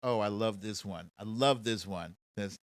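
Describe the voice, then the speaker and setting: Recorded dry, a lowish male voice moves at normal speed. He's the American host of a live commentary stream, casually poking fun as he comments and responds to viewer questions colloquially.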